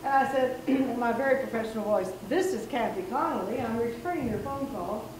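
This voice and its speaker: Woman as a wry woman storyteller, high voice, lively, stage monologue, hissy echoey room. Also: a little fast, recorded from a distance, close to an everyday voice. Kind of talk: theatre monologue. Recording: echoey stage, faint hiss.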